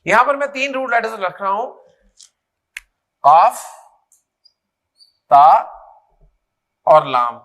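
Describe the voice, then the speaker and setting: Slow, bright-voiced male grammar teacher. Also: high voice, sing-song. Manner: drills words slowly, repeating and quizzing students. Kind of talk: classroom lesson.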